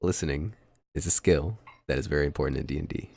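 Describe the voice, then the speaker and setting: A man's voice: extremely low pitch, fast, creaky, darkish tone. A man running a tabletop game as dungeon master, narrating loosely with many ums and restarts.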